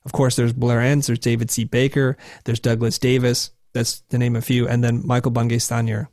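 A man's voice: medium pitch, monotone, normal speed, a little mellow, dry recording. Dry-sounding man telling stories. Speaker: guest. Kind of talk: interview conversation.

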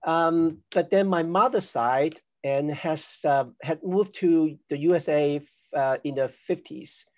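A man's voice: on the high side, measured pace, a little mellow, dull audio. An older man from Hong Kong, a podcast guest, explaining risk assessment in a chatty, self-deprecating way. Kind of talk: conversational interview.

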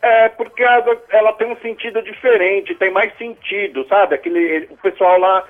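A man's voice: high voice, steady tone, moderate pace, faint music behind. A man calling in to a radio show over the phone, easygoing and explaining with plain examples. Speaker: caller. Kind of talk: casual call-in chat. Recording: tinny phone line.

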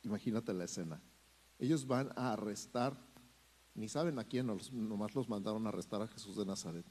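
A man's voice: lowish voice, a little fast, a little mellow, husky, long reverb tail. A man preaching a teaching sermon, reading scripture aloud and addressing the congregation. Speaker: pastor. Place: church hall.

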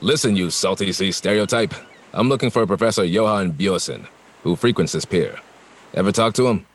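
An actor playing a wisecracking, world-weary private detective, deadpan, in a parody noir audio drama. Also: male voice, sits low, moderate pace, slight background noise, lightly acted. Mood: dry, impatient. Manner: deadpan, hard-boiled wisecracking. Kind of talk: parody noir narration and radio drama acting.

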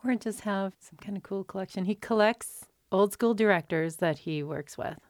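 A woman's voice: mid-range voice, normal speed. A woman co-hosting a podcast, chatting casually about films and laughing easily. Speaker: podcast co-host. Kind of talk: casual film chat.

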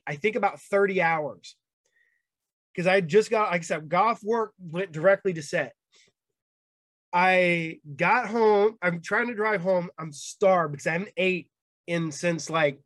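A man's voice: high voice, no room sound. A man hosting a podcast, telling long rambling stories in casual chat, full of fillers and laughs. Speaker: podcast host.

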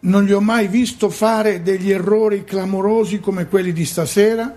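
A man's voice: high-pitched, steady tone, moderate pace, warm tone. A man in a heated TV sports debate, speaking as a football pundit who insists on his point and repeats phrases emphatically.

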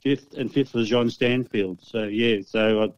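An Australian man with a smooth, clear, medium-pitched voice gives a casual report as a club official. His delivery is easygoing and chatty. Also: steady tone, a little slow, no echo, muffled recording. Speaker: club official giving race results as guest.

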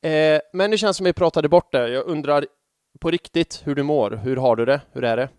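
A man's voice: fairly high pitch, a little mellow, clean tone, dry recording, clean studio sound. A man hosting a podcast in casual chat, rambling and poking fun at himself. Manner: chatty, rambling, self-mocking. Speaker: podcast host.

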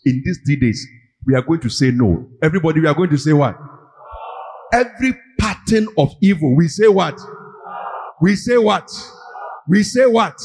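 A Ghanaian man preaching a charismatic sermon in a booming, motivational way, emphatic and repetitive, rallying his congregation with call and response. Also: a little mellow, breathy edge, low-quality recording.

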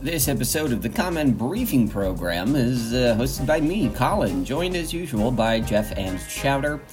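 A man hosting a podcast, reading the closing credits in a flustered, apologetic way. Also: mid-range voice. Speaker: podcast host. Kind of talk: outro sign-off. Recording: clear music behind.

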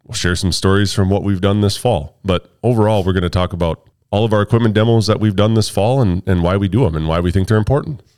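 A man's voice: fairly low pitch, fast talker, few pauses, a little mellow, clean tone. A man hosting a casual podcast in a studio, joking around and laughing often. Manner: playful and jokey, laughs often. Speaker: podcast host.

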